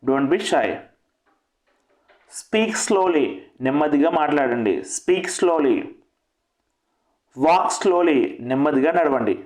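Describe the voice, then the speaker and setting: A man's voice: expressive, drawn-out words, pauses often, darkish tone. A man teaching spoken English, saying each short English phrase, giving its meaning and repeating it. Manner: lifts his pitch on the English phrases. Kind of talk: language lesson with repetition. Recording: echoey room.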